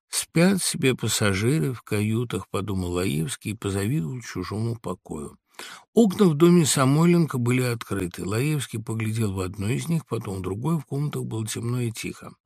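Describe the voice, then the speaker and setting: A man narrating a classic story as an audiobook, reading in a measured, dramatic way. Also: mid-range voice, a little mellow, dry recording, clean studio sound.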